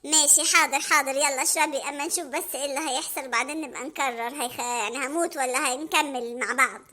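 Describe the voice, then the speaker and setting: A woman voicing a broke, scheming, nervous young man, speaking with an Egyptian accent in an anxious, low mumble. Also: quick pace, pushed and bright. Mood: fretful. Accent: Egyptian Arabic.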